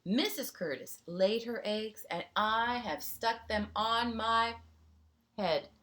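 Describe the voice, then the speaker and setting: A woman's voice: fairly high pitch, takes it slowly, fairly bright tone, voice pushed up. A woman voicing a contented, proud male fish who cares for his young in a children's storybook.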